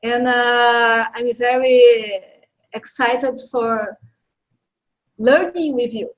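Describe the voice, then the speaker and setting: Slow-talking Brazilian woman in her forties. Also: fairly high pitch, fairly even intonation, rough recording. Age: 40s. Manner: slow, halting, with soft laughs. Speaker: caller, healing instructor. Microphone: video call.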